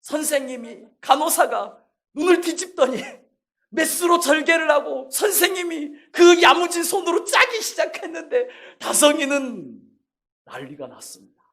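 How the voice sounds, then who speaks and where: A middle-aged male pastor telling a family story in a sermon, building to impassioned shouted questions. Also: extremely high pitch, very animated, normal speed. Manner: acts out quoted people in his stories.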